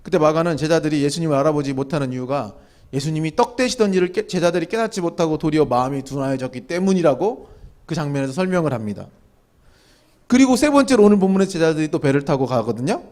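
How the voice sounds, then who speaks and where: A male pastor preaches at a small evening gathering in an indoor church hall, speaking conversationally, asking listeners questions, and acting out scolding lines. His slightly high, a little mellow voice is quick and lively in intonation.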